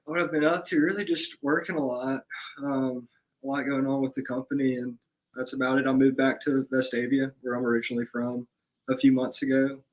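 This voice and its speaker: A man's voice: medium pitch, little pitch movement, brisk, low-quality recording. A young man from Alabama, a business owner guest, talking in a laid-back, matter-of-fact way. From Alabama, USA. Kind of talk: casual interview chat.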